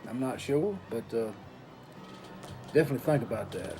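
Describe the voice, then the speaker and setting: A man giving a casual review in an unhurried, folksy way, pausing between short phrases. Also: medium pitch, animated, over music. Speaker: pipe tobacco reviewer. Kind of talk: casual product review talk.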